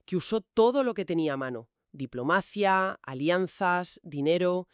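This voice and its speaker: A co-host talks through history at normal speed, calm and explanatory, setting out points in sequence during a laid-back podcast conversation. The mid-pitched voice is smooth, and the close, dry recording has no echo.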